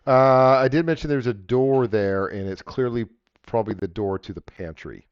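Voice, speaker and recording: A man's voice: medium pitch, normal speed, clean tone, no room sound. A man narrating and refereeing a tabletop game as game master, in a casual, joking way with some swearing. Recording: dull lo-fi audio.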